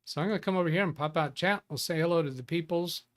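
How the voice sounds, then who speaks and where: Guy hosting a tech livestream, slightly high voice, super casual, chats with viewers and trips over his own sentences. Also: fast, a bit bright. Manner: chatty, greets viewers by name, restarts sentences. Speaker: livestream tech show host. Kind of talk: casual live-stream chat.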